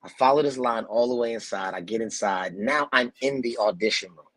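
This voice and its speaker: A man in his thirties from New Jersey, a guest actor, tells stories in a relaxed, slangy way during a casual video call interview. His voice sits at medium pitch and moves briskly, with a slightly bright tone and no echo.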